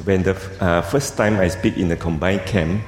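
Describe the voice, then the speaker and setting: A man's voice: low voice, fairly even intonation, normal speed. A man with a Malaysian accent preaching a sermon in English in an informal way, tagging sentences with little colloquial particles. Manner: informal, with 'you see' and 'lah' tags. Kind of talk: sermon in English at a church camp. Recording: echoey hall, noisy room sound.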